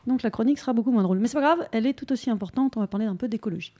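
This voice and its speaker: A young woman delivers a biting satirical column on the radio, her voice sitting a little high yet mellow and soft-edged. She talks in a studio with a mocking, sarcastic bite. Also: rapid-fire.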